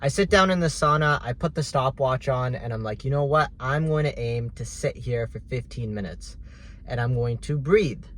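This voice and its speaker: A man telling a casual story in a vlog, animated, swinging between loud bursts and quiet asides. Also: medium pitch, normal speed, slight background noise. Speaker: vlogger.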